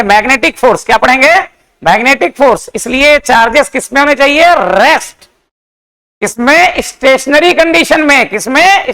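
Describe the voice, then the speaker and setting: High, gravelly-voiced male physics teacher. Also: sharp tone, poor audio. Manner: asks questions and answers them himself, repeats key points; dictates definitions slowly. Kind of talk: classroom lecture.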